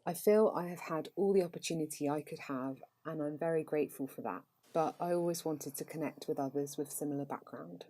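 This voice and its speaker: Her voice sits low and runs a little fast with few pauses as she hosts her podcast in a Received Pronunciation English accent. She's casual, reading aloud flatly and evenly and dropping frequent ums.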